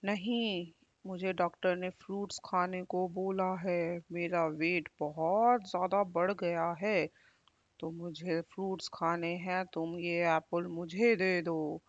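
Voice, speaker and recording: A woman voicing a big, hungry male wolf in a storybook tale, speaking slowly and with a threat. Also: fairly low pitch, level tone, no room sound, lo-fi sound. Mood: threatening. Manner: slow, threatening.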